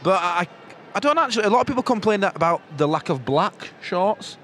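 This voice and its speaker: A man's voice: high voice, animated, quick pace, a bit bright. A British man co-hosting a football podcast with dry, teasing banter outdoors. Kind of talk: casual banter and match chat. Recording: noisy outdoor stadium with traffic.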